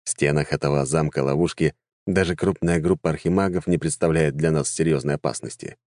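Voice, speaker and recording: A male audiobook narrator tells a fantasy story with a wry, lively touch. His voice is deep and low. The recording is dry and close, with no room echo. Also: brisk.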